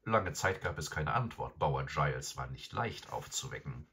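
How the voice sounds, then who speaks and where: A man narrating a fairy tale audiobook in an expressive, dramatic way. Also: a bass voice, moderate pace, slight background noise. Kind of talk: scripted storybook narration.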